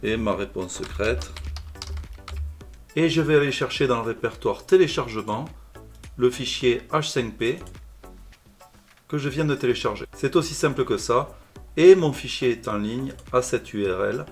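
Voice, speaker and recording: A male language teacher calmly explaining a software tutorial step by step. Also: medium pitch, measured pace, pauses often, faint music behind. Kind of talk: screencast tutorial narration.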